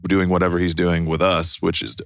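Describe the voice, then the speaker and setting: A man in relaxed podcast chat, profane and animated, telling racing stories. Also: sits low, a little fast, gravelly, no room sound, studio quality. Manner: profane, animated storytelling with put-on quotes. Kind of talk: casual chat.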